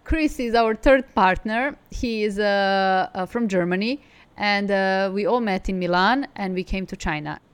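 This woman from Belgrade, Serbia, co-founded a design studio and speaks as an interview guest, answering conversationally in a Serbian accent. Her voice is mid-range, clear and resonant, delivered at a measured pace.

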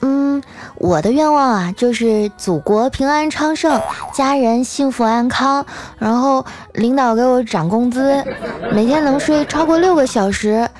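A woman's voice: sits high, measured pace, a little mellow, pitched above the performer's own voice. A woman voicing a chirpy, daydreaming young coworker who talks in a bubbly, giggly way. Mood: whiny, dreamy.

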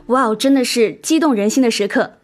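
A woman's voice: fairly high pitch, brisk, soft background music, natural voice. A woman playing an eager TV co-host who feeds chirpy questions, in an audio drama. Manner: chirpy, asks prompting questions.

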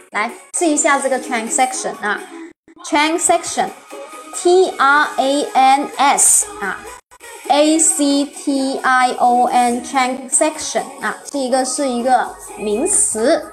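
Female vocabulary teacher on a live stream, high voice, encouraging, spells words out slowly, faint music underneath. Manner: spells words letter by letter, asks the class questions; encouraging, praises often.

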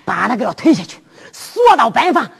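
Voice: medium pitch, sing-song, fairly quick, gravelly, big-room sound, background noise. A storyteller voicing a stern, bossy male county magistrate, barking orders in a drum-ballad performance. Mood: commanding.

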